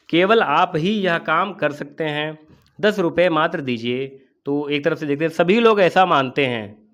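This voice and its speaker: Male exam tutor, fairly high voice, walks through answers step by step. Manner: asks and answers his own questions. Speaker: exam coaching teacher. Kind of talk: explaining test answers.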